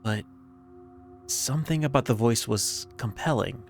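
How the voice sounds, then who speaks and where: A man narrating a scripted first-person horror story in a measured, creeping, suspenseful way with pauses. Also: medium pitch, gravelly. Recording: background music under the voice.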